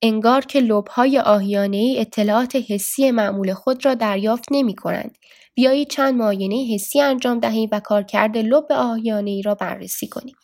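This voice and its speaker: A woman's voice: on the high side, darkish tone, lightly acted. A woman voicing a puzzled male doctor who explains things thoughtfully to his residents.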